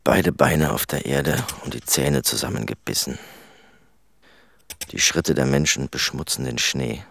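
A male dubbing actor playing a quiet, brooding man far from home, with calm, sparse replies and a slow poetic monologue. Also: rumbling low, gravelly, slight background noise, heavily acted. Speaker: friend, immigrant worker.

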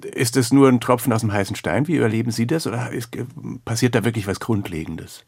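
A man interviewing a guest, asking formal, measured questions politely. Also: medium pitch, darkish tone, slightly rough, no echo, clean studio sound.

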